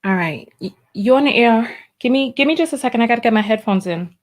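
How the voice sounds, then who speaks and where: A woman's voice: a little high, expressive, fast talker. A woman hosting a live call-in show in a casual, chatty style.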